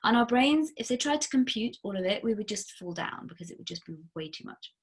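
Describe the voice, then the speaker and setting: A woman's voice: a little high, expressive, a little fast, husky. A woman fertility coach giving a casual recorded masterclass, chatty and emphatic, with blunt, candid asides. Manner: chatty and emphatic, frequent "like" fillers.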